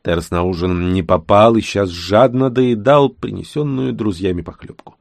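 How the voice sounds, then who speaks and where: A man narrating an audiobook in a lively storytelling manner, voicing every character himself. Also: lowish voice, moderate pace, gravelly, no echo. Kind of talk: scripted narration.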